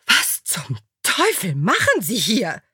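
A woman voicing a shrill, outraged noblewoman. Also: huge pitch swings, takes it slowly, pushed and bright, breathy edge, no echo, studio quality, heavily acted. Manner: shrill and scolding. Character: shrill, indignant aristocratic woman.

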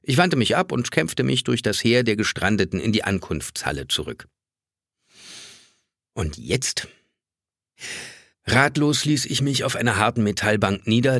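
A man reads an audiobook in a wry, first-person storytelling voice at a middle pitch. His delivery is lively, with wide swings in pitch. The sound is dry and close. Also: dry recording. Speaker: audiobook narrator. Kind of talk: scripted narration.

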